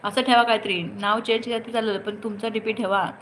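A woman's voice: fairly high pitch, steady tone, brisk, fairly bright tone, slight background noise, poor audio. A woman hosting a casual phone livestream, greeting viewers by name and chatting in a teasing way. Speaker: livestream host. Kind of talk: casual live chat reading comments.

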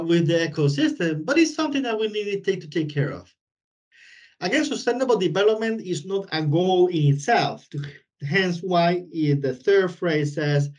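A man's voice: sits high, far from the mic. A man giving an online webinar lecture as a guest lecturer, explaining each point step by step and stacking up repeated lists for emphasis. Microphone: video call.

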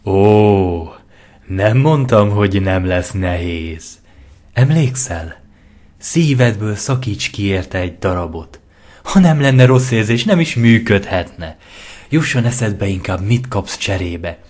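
A man's voice: on the low side, expressive, darkish tone. A man voicing a manipulative pony tempter who coaxes and pushes a friend toward a killing, in an audio fanfiction reading. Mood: coaxing. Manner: coaxing, insistent, contemptuous. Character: scheming manipulative pony tempter, coaxing and cruel.

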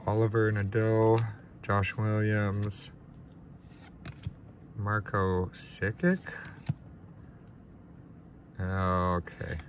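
Stuffed up young guy opening hockey cards in his room, kinda low voice, background hiss. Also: level tone, extremely slow, pauses often. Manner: unscripted, self-deprecating, mumbles names. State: stuffed-up nose. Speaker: card collector opening packs. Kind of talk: casual pack-opening commentary. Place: small room with a ring light.

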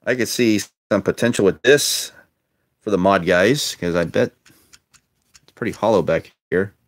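Opening a batch of old toy cars at a table indoors, this vlogger films close up on his handheld phone and keeps up a chatty, wry running commentary with muttered asides. His voice is deep and unhurried.

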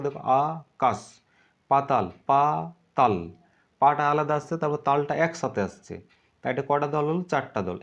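A man teaching a video lesson, splitting words into syllables slowly and answering his own questions. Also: mid-range voice, dull audio.

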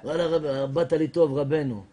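A man voicing a laid-back, stoned male drug dealer who talks in mellow street slang. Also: a little high, steady tone, slight background noise, pitched below the performer's own voice, lightly acted.

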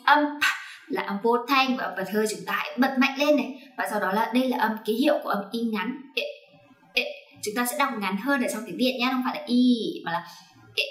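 A woman's voice: on the high side, fast talker, fairly bright tone, echoey room. A woman teaching English pronunciation to parents and children, coaxing and checking along as she goes. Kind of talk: online phonics lesson for parents and children.

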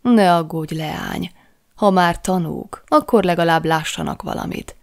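A man's voice: on the high side, gravelly. A woman voicing a young, playful male Scottish husband with a teasing manner in an audiobook reading. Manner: teasing, quietly amused.

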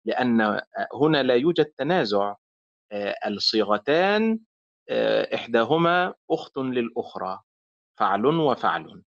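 A man leads an online class on Quranic recitation, and he talks in a measured, encouraging way. His voice sits at a middle pitch for a man. The audio is muffled and lo-fi. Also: fairly bright tone. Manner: encouraging, quotes poetry in praise. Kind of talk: online lecture with student recitations.

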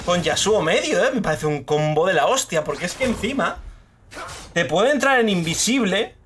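A young man with a Spain Spanish accent giving live gameplay commentary, swearing freely and bursting into shouts at the big plays. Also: high voice, a little hiss or hum. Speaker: streamer. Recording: game music clearly behind the voice.

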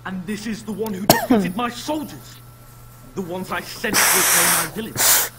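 A woman's voice: medium pitch, expressive, moderate pace, heavy background noise. A woman voicing a young boy possessed by a demon in a video game, speaking in a demonic layered voice with a cold, haughty and taunting manner. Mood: cold, curious.

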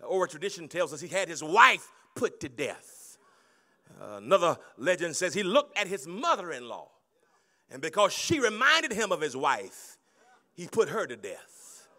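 A middle-aged man preaching a sermon on a handheld mic in a large banquet hall, moving between hushed storytelling and loud shouting. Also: on the high side, very animated, normal speed. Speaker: pastor.

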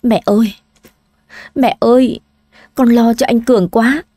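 A woman's voice: a little high, very animated, slow pace, a little mellow, dry recording, studio quality, heavily acted. A woman voicing a distraught young wife in an audio story, pleading through tears. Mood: tearful. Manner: sobbing, pleading.

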